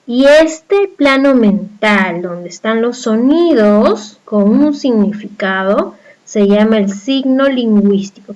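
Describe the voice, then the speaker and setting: Slow-paced Peruvian woman teaching a lesson. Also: fairly high pitch, low-quality recording. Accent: Peruvian Spanish. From Peru. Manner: explanatory, asks viewers rhetorical check questions. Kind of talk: educational video lesson.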